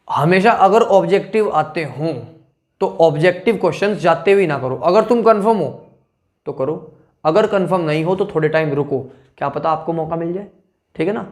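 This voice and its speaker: A male teacher giving exam advice to students in a blunt, scolding way, checking in with them again and again. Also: high voice. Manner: blunt, scolding, keeps asking "ठीक है ना".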